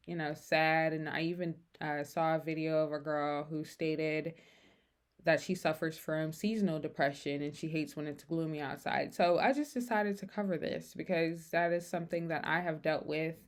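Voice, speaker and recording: Low-voiced young woman talking with braces. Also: smooth. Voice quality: slightly impeded speech from braces. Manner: rambling, candid, halting. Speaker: vlogger. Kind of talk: unscripted casual personal talk.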